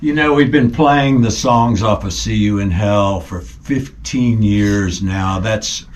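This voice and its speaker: A middle-aged man, a band member, chatting casually in a relaxed way with frequent pauses and ums. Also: fairly low pitch. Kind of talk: casual conversation.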